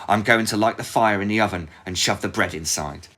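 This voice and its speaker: A man voicing a cunning, cruel old witch in a storybook reading, with a shrill, commanding manner. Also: fairly quick, sharp tone. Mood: scheming.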